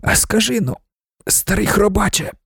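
A man reading an audiobook, voicing a crippled old man who mocks in a high, hoarse voice. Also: normal speed, a bit bright, no room sound, studio quality, heavily acted. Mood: mocking. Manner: mocking, hoarse.

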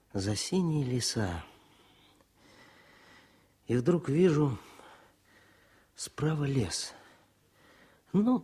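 In a 1970s Soviet radio play, an actor gives a full character voice to a modest, plucky, wounded war correspondent recounting his story. His husky, dark, medium-pitched voice comes in halting, colloquial bursts.

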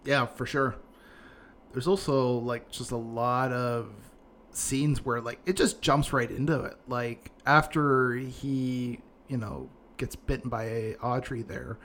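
A man with an average-pitched voice hosts a podcast. His delivery is informal and conversational, with "like" dropped in often. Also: slow, a bit bright. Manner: informal, peppered with "like". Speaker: podcast host. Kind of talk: casual podcast chat and hosting.

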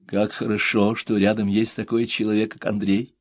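A man narrating an audiobook in a measured, even way. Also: fairly low pitch, dry recording, studio quality. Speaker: audiobook reader. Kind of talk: scripted narration.

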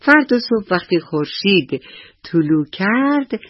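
A man narrates a children's bedtime story for radio, often turning to speak to the young listeners. His voice sits fairly high and a little husky. The studio recording is dry and dull. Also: big pitch swings, no echo. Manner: warm address to children.

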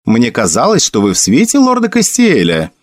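An eager, flustered young nobleman, as a male audiobook narrator puts him on, pitched above the reader's own voice. The delivery is lively in pitch and dry and close. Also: moderate pace, dry recording.

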